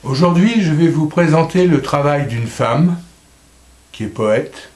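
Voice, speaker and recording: Slow, solemn man reading poetry. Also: a little high, reverberant. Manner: slow, solemn reading with soft dropping line endings. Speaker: poetry reader. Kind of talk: poetry recitation.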